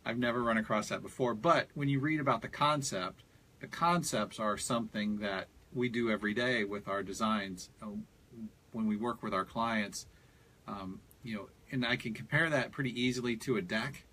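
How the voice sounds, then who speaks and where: A fairly low-voiced man talks through garden layouts in a relaxed, explanatory way, with plenty of "you know" fillers. There is a faint hiss of noise behind him. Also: moderate pace. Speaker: landscape designer guest. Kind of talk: casual radio talk.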